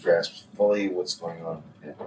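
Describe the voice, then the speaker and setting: Very deep-voiced calm middle-aged man. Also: a little slow. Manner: calm and explanatory. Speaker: co-host, player's father. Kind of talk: casual gameplay chat. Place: home room while it rains. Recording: distant mic with faint noise.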